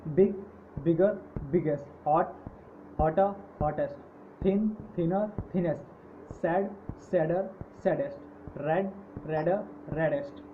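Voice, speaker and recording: A man teaching English grammar in an online lecture, patiently listing word forms. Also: a little high. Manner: slow, patient, repeating word forms in lists. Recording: tinny phone-like audio with faint hiss.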